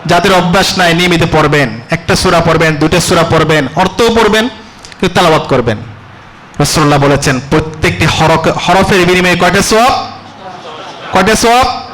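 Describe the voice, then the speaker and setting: A man preaching a sermon. He asks the congregation rhetorical questions and chants Arabic verses slowly. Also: high voice, a bit bright, poor audio. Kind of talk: Bengali religious sermon (waz).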